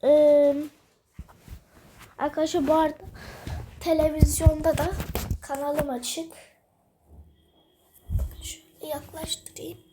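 A young female gamer, sick and coughing, chatting quietly from her bedroom while she plays, rambling with lots of fillers. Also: sits high, level tone, unhurried, long pauses, noisy background. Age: school-age. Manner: rambling, many fillers, self-amused. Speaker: gaming vlogger. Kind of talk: casual let's-play chat. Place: bedroom at home.

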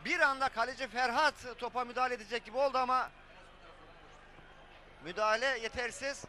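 An excitable man giving live football match commentary and repeating key phrases. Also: very high voice, fairly quick, a little hiss or hum.

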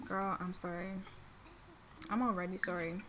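A woman's voice: on the low side, fairly even intonation, normal speed, noisy background. A young woman chatting casually to herself and her viewers while live-streaming a game, self-deprecating and easily flustered. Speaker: streamer playing a life-sim game. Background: game music.

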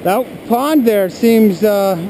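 A man's voice: high voice, takes it slowly, mellow. A man chatting casually while hiking through a forest, explaining the map and rocks with dry jokes, recorded on a head-mounted camera. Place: forest hillside outdoors. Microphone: head-mounted action camera. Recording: noisy outdoor action-camera audio.

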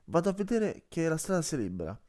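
A man's voice: a little high, sing-song, fast talker, darkish tone, voice pushed up. A man voicing a large, stern she-wolf in an audiobook, giving orders in a growling, tired tone. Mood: weary. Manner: growling, commanding. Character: big stern she-wolf, weary enforcer.

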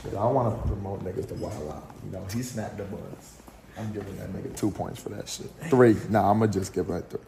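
A man's voice: deep voice, a little fast, gravelly, crowd noise. Brash man hosting in an echoey room. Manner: brash, profane, teasing. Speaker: host running a dating game segment. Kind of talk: casual chat. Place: indoor room in a content house.

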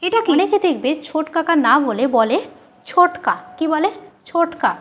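A woman teaching a grammar lesson, repeating key terms slowly and asking questions she answers herself. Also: high voice, lively intonation.

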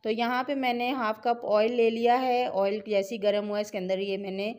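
Woman, Pakistani Urdu accent, middle-aged, fairly high voice, chatty cooking tutorial, encouraging. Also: fairly even intonation, moderate pace, a little mellow, clean tone. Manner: chatty, instructive, encouraging viewers to try the recipe. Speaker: cooking channel host. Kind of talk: home cooking tutorial voice-over.

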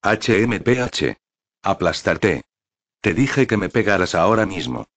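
A man's voice: deep voice, very animated, measured pace, fairly bright tone, no echo, full character voice. A man voicing a mocking, scornful old woman, a landlord's wife, in a storybook reading. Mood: jeering. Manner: jeering.

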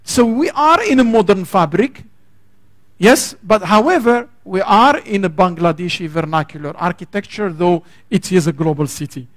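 Impassioned high-voiced male lecturer. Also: lively intonation, normal speed. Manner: impassioned, searching for words with many restarts. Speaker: guest lecturer. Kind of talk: academic lecture. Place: lecture hall.

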